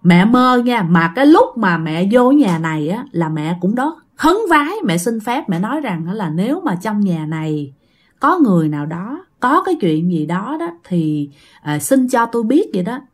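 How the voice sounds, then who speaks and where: A middle-aged woman with a Southern Vietnamese accent tells a ghost story, speaking straight to her listeners in an animated way. Her voice is medium-pitched and her pace moderate.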